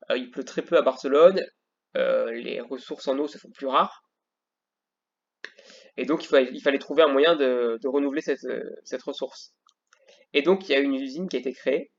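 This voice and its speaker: A man's voice: mid-range voice, lo-fi sound. A male teacher talking through a slideshow lesson, hesitant, with many fillers and restarts.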